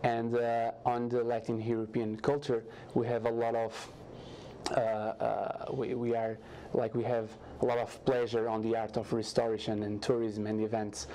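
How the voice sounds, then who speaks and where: Guest spot: young Portuguese-accented man, halting, earnest, flat even delivery. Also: mid-range voice, slight background noise. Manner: halting, many restarts and fillers, earnest. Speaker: guest, startup founder. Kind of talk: TV studio interview.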